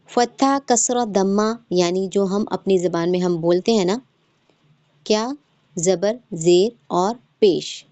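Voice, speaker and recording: A woman's voice: medium pitch, warm tone, no echo. A woman teaching Quran recitation rules in an online class, patiently repeating each rule and quizzing her students. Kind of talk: online tajweed lesson. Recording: dull lo-fi sound.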